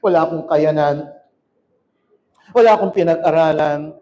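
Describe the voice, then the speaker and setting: A pastor putting on the voice of a defeated, self-doubting believer in a sermon, dropping low and quiet. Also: male voice, normal speed, muffled recording, lightly acted. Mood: self-pitying. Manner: mopey, self-pitying.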